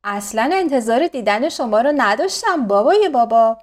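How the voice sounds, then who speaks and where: A woman's voice: a little high, lively intonation, close to an everyday voice. A woman voicing a cheerful little millipede child. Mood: delighted.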